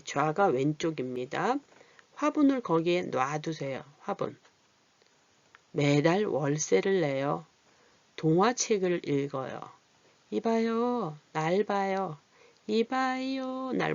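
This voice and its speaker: An adult literacy teacher explaining vowels patiently, asking rhetorical questions and reading example words slowly. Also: medium pitch, expressive, creaky, a little mellow, no echo, lo-fi sound. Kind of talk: Korean vowel lesson.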